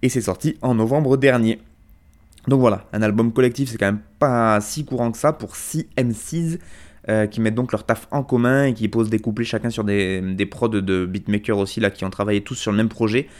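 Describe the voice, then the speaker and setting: A man's voice: fairly low pitch, fairly even intonation, brisk, a little mellow. A man hosting a rap radio show, chatting casually with many fillers and restarts.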